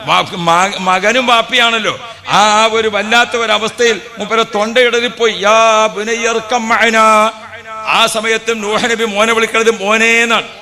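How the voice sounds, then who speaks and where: A man's voice: high voice, steady tone, normal speed, pushed and bright, big-room sound. A man preaching a sermon, storytelling with rhetorical questions and acted quotes. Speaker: Islamic preacher.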